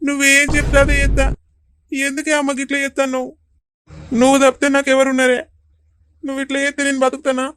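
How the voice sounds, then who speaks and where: A woman voicing a gentle, devoted young son. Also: high-pitched, monotone, fast, pauses often, no echo, clean studio sound. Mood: pleading. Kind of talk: Telugu cartoon dubbing.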